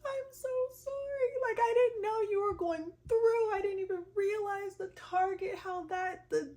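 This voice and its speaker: A woman voicing her emotional young cousin who is crying on a video call, her voice pushed high and rushed. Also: mellow. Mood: tearful.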